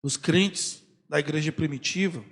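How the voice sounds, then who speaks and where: A man preaching a sermon as a pastor, animated, acting out prayers and talk in comic voices. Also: fairly high pitch, unhurried, vocal fry. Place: church hall. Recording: long church hall reverb.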